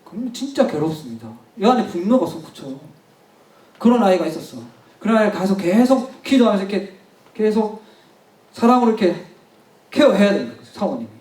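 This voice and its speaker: A man preaching to his congregation, retelling a story and repeating key words for weight. His voice sits high, and it rings through a roomy church hall. He sounds a little far from the microphone. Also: sing-song, fairly quick, long pauses, a little mellow. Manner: storytelling, emphatic repetition, addresses the congregation directly. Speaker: pastor. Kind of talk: sermon. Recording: echoey hall, mic at a distance.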